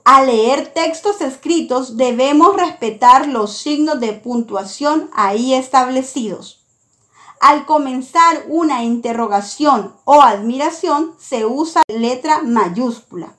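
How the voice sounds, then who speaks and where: A woman teacher reading a scripted lesson, deliberate and clear. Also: high-pitched, lively intonation, fairly bright tone. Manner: slow, deliberate, reads each term out clearly.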